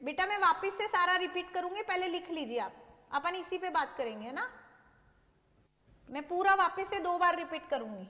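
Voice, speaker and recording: Female teacher, very high pitch, slow drilled delivery, long reverb trailing each line. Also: expressive, pushed and bright. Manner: slow, repeats each word for students to note down. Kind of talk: online class lesson.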